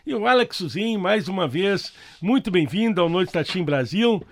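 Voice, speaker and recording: A man's voice: high voice, lively intonation, moderate pace. A man hosting a casual interview, asking short questions and giving brief encouraging backchannels. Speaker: host.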